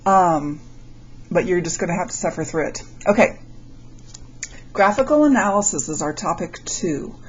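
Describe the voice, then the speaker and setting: Low nasal voice of a woman with a cold. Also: expressive, normal speed, pauses often, dull audio, slight background noise. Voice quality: gravelly, nasal. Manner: checks in with frequent "okay?". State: has a summer cold. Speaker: calculus teacher. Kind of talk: recorded lesson video.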